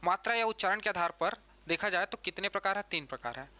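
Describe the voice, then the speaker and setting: Male teacher, exam-prep grammar lesson, bright voice, smooth and clear, repeats terms, quizzes the class. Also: high-pitched, expressive, quick pace. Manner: repeats key terms, keeps asking the class questions.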